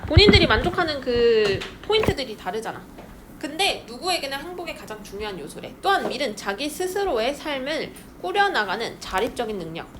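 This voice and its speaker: A young woman teacher giving a lively, chatty classroom lecture and acting out little scenes with students. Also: high-pitched, a little fast. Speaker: Korean literature teacher. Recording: noisy room recording.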